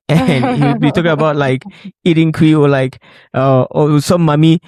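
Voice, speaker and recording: A man from Cameroon co-hosting a podcast, telling stories in a lively, emphatic way in casual chat. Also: fairly high pitch, normal speed, no room sound, studio quality. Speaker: podcast co-host.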